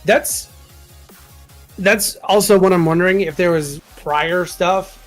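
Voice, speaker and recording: A man's voice: sits high, slow, faint music behind. A man co-hosting a casual chat, reacting with frequent laughs and stammering restarts. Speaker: podcast co-host.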